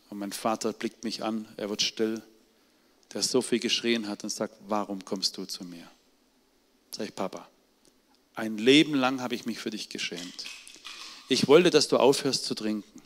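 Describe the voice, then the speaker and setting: A middle-aged man preaching to a congregation, his voice a little low. He tells his testimony with strong emphasis, dropping to near hushes and rising again. The sound rings out with long reverb from a large hall. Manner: emphatic testimony, voice swinging between loud and quiet. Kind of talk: sermon.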